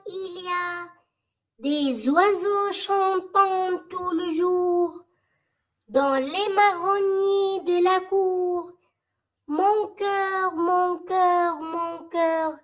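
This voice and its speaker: A very high-pitched, somewhat bright voice recites a school poem in short, measured phrases separated by pauses, so learners can memorize it.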